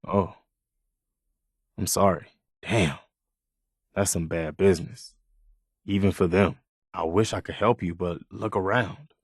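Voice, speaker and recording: In this video game dialogue, a tired but idealistic man who leads a militia in the wasteland speaks with measured, earnest sincerity, his voice pitched slightly low. The mood is somber and sympathetic, and the recording is completely dry, with no room sound at all.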